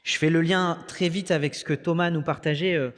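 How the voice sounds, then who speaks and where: A man's voice: on the high side, steady tone, brisk, fairly bright tone. A young man with a French accent preaching a sermon in a conversational way, with joking asides. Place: church hall. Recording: long church reverb.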